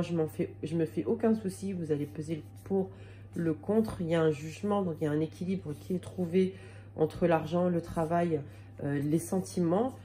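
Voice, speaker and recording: This woman's voice is lowish with a dark tone. She has a slight cold and gives her viewers a casual tarot reading, hesitating often with plenty of fillers and restarts.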